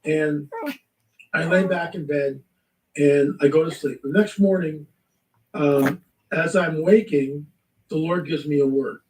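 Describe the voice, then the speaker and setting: Animated high-voiced man, echoey and distant. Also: slow, pauses often, slight background noise. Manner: animated storytelling, acts out quotes. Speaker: guest. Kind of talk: testimony in a talk show.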